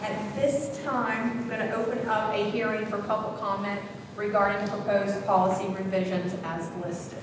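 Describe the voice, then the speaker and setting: A woman chairing a school board meeting, running the agenda briskly with joking asides. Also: mid-range voice, fairly even intonation. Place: large meeting room. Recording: echoey hall from far off, noisy.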